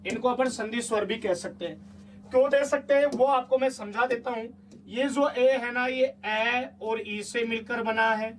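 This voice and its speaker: A high-pitched man leads a chatty exam-prep lesson, coaxing the students along and checking often that they follow. He sounds set back from the mic, with faint noise behind him. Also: fairly bright tone, far from the mic. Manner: chatty, coaxing, asks the class repeated check questions. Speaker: teacher.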